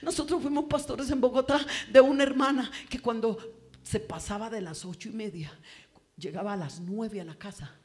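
A woman preaching a Pentecostal sermon to her congregation. She swings between fervent, shouted exhortations and hushed, chatty asides. The delivery carries the feel of a live church service. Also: a little high, moderate pace.

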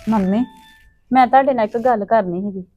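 A woman's voice: on the high side, a little fast, warm tone, dry recording, dull audio, faint music behind. A woman with a Punjabi accent acting a pleading daughter-in-law in a family drama. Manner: pleading, appeasing.

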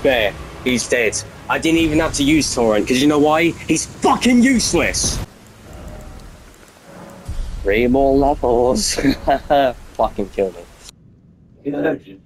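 Young male gamer, gravelly voice, slow delivery, constant swearing and rage. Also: mid-range voice, very animated, a little hiss or hum, low-quality recording. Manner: swears constantly, rages at the game. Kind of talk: let's play commentary.

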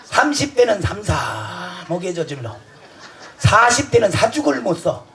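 A man's voice: sits high, big pitch swings, measured pace, fairly bright tone. A man performing festival stage comedy, boisterous and crude, bantering with the audience and laughing through his lines.

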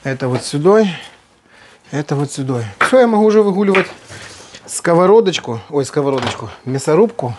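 Higher-voiced man in a noisy kitchen. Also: lively intonation, fairly quick. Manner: folksy, playful, fond diminutives and exclamations. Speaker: host of a home cooking video. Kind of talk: casual cooking chat while working. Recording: noisy kitchen, clattering and clicking. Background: kitchen work noise.

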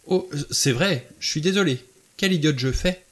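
A man's voice: medium pitch, normal speed, close to an everyday voice. A man voicing a nervous, self-reproaching young woman in an audiobook reading. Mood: flustered.

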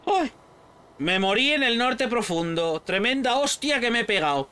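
A man with a Spain Spanish accent giving casual, excitable gameplay commentary, shouting at pets and swearing freely. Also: very high voice, moderate pace, clean tone. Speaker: gaming channel host.

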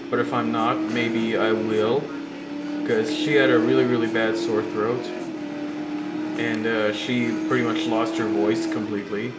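Over loud game music and engine sounds, a young man with a slight cold and sore throat gives rambling let's-play commentary for his gaming channel, with many fillers and restarts. His voice is lowish and unhurried with little pitch movement, and the roomy recording is very noisy.

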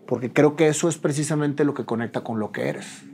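A Mexican man in his forties hosts a sit-down interview with a fairly high voice. He speaks casually, with friendly slang and buddy-like address. He sets up his questions with little explanations. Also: a little fast, creaky, darkish tone, slightly rough. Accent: Mexican Spanish. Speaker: interview host. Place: dim studio set with dark curtains.

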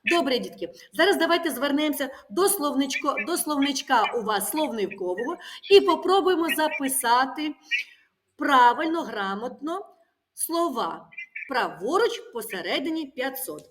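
A woman with a high-pitched voice leads a primary school lesson. She poses question after question and patiently confirms each answer by repeating it. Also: expressive, normal speed, fairly bright tone. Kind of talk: classroom lesson. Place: classroom.

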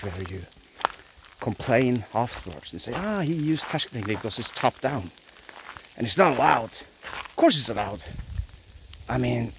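Holding his phone at arm's length among the pines, a Norwegian vlogger in his forties speaks earnestly in a Norwegian accent, giving a casual philosophical monologue with many restarts. His voice is mid-range, and the rough recording has a little hiss or hum.

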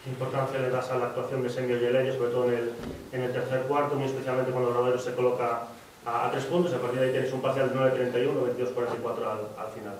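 A male reporter asks long, detailed questions at a press conference, speaking quickly. He sits far from the microphone, and the room echoes heavily with faint noise. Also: mid-range voice, flat delivery. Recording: echoey room, distant from the mic.

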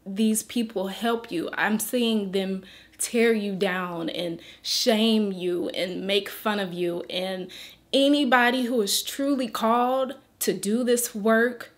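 This woman, a beauty influencer, makes an earnest, pleading appeal in her faith vlog using a mid-range voice. Fighting back tears, she slips into gentle whispers at times.

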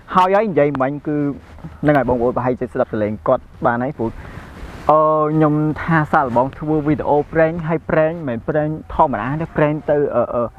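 This young adult man hosts a prank-call video, chatting casually and jokily on a phone call and to camera while laughing often. His voice is a little high and unhurried, with phone-quality sound. He's outdoors in a grassy rural yard, with steady background noise throughout.

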